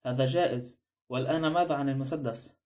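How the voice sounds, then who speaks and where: A blunt ex-detective, voiced by a man reading a mystery novel aloud, prying and suspicious. His lines come fast, carried by a mellow, dark tone. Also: mid-range voice, lightly acted. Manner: blunt, probing.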